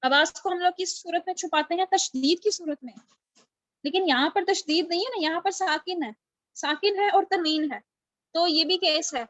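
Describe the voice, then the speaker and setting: Woman, recitation teacher, patient questioning manner, high voice, dull lo-fi call sound. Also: a bit bright, no echo. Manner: patient, asks students questions and praises answers. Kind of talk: online class lesson. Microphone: video call.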